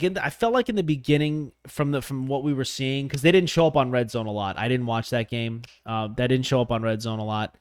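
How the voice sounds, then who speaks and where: A man's voice: mid-range voice, smooth, no room sound. A man hosting a casual solo sports podcast, rambling with lots of fillers and restarts, sniffly from allergies, close on a microphone. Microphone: close studio microphone.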